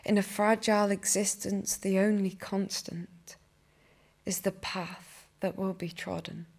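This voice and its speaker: A young woman, a poet, reading her own poems aloud in a cathedral with slow, measured delivery. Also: medium pitch, fairly even intonation, vocal fry, darkish tone. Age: young adult. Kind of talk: poetry reading.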